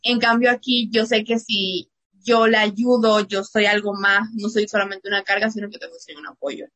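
A woman's voice: medium pitch, flat delivery, moderate pace, fairly bright tone. A young woman from Venezuela with a Venezuelan accent, a student guest telling a personal story with many fillers. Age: young adult.

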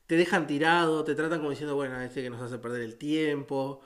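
A man with a Uruguayan Spanish accent in a casual, darkly joking conversation, wry and deadpan. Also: on the high side, brisk. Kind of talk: casual dark-humored chat.

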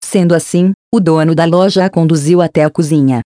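An audiobook narrator reading a story in a steady, plain way. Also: mid-range voice, fairly quick, no room sound, clean studio sound. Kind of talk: scripted narration.

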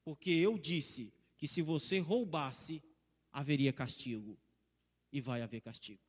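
A man voicing a calm, stern mother who firmly scolds her son, with a long hall echo. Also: fairly high pitch, a little slow, slightly rough, voice pushed down. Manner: calm, firm.

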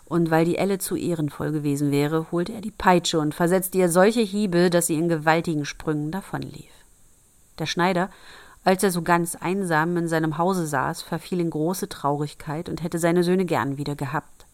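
A woman narrating a fairy tale aloud in a calm, measured way. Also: fairly low pitch. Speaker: storyteller.

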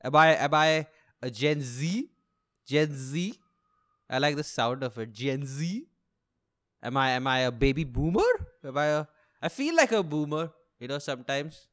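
A young Indian-accented man rambles through his solo comedy podcast, griping, cursing and running himself down as he repeats and rephrases his lines. He speaks a little slowly with lively intonation, in a fairly bright voice that's on the high side.

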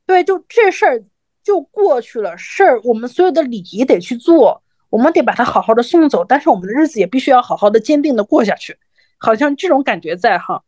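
A woman in her thirties co-hosts a podcast and tells a personal story in a reflective, chatty way. Her voice sits a little high. The recording is dry and close. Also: expressive, fast talker, a little mellow, dry recording. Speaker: podcast co-host. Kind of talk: podcast conversation.

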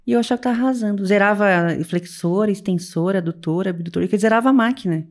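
A young woman talks quickly and expressively in a casual podcast chat. Her pitch sits in the middle of the range, and she tells her stories with animated energy.

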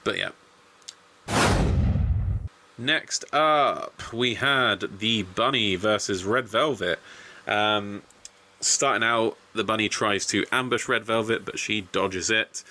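Bright-voiced man ranting about wrestling. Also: lowish voice, takes it slowly, long pauses. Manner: swearing, rambling, frustrated asides. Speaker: podcast host. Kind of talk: casual wrestling recap chat.

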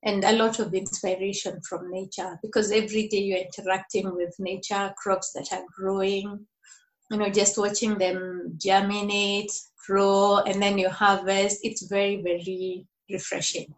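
A woman's voice: mid-range voice, level tone, measured pace, low-quality recording. A middle-aged woman from Kenya with a Kenyan accent, answering conversationally as an interview guest on a call. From Nairobi, Kenya. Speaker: podcast guest.

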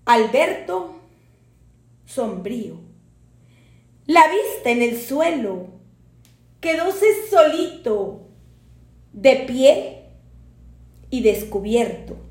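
A woman giving a dramatic poetry recitation with a solemn, theatrical delivery. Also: high-pitched. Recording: roomy echo.

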